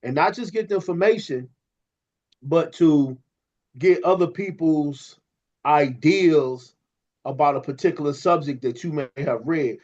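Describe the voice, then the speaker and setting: A man co-hosting a podcast, talking in an animated, preachy way to a guest and stumbling over repeated words. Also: on the high side, measured pace. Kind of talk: casual podcast conversation. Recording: slightly dull lo-fi audio.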